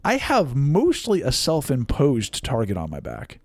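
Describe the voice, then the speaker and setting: A young man talks through a casual podcast chat with a lively, swooping delivery and plenty of swearing. He acts out the voices of the people in his stories. His voice sounds dry and close to the mic. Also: mid-range voice, a little slow, no room sound. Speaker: podcast co-host.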